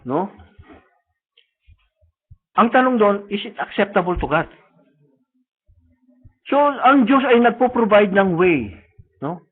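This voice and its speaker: A man preaches with a very high voice, switching between Tagalog and English and tagging his points with quick checks to the listeners. The sound is thin and phone-like, as if from a live stream. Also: big pitch swings, breathy edge. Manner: mixes Tagalog and English, frequent tag questions. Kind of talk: sermon. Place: church service.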